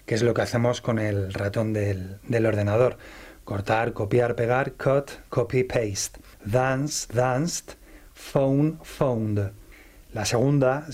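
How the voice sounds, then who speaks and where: A man's voice: medium pitch, darkish tone. A man teaching English grammar in a radio lesson, listing rules in order and reading out word examples one by one.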